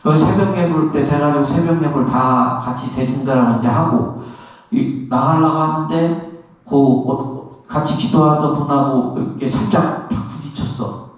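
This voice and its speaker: Korean monk preaching in an echoey hall. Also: male voice, fairly high pitch, normal speed. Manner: lively, acts out everyday complaints, asks the audience questions. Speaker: Buddhist monk, temple abbot. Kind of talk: dharma talk to an audience. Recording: very echoey, from far off.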